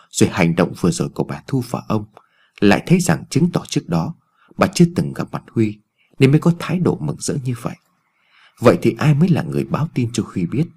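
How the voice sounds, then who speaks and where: A man narrating a ghost story in an expressive storytelling reading. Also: mid-range voice, breathy edge.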